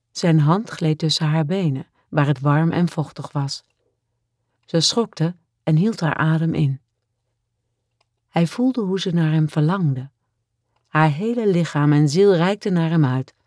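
A woman calmly and steadily narrating a romance novel as an audiobook. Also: low-pitched, no echo, studio quality. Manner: calm and measured.

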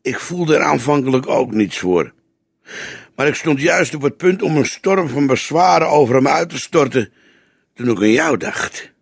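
A man's voice: fairly high pitch, expressive, moderate pace, vocal fry, husky, dry recording, voice pushed up, heavily acted. Man playing a grey wry old detective. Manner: dry, patient, lecturing. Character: grey veteran male detective, wry and teasing.

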